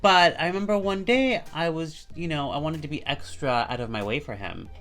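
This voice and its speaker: A man chatting through a beginner makeup tutorial, self-mocking and swinging between loud and soft. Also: normal speed, faint music behind. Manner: chatty and self-mocking, with big jumps in pitch and loudness. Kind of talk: casual makeup tutorial chat.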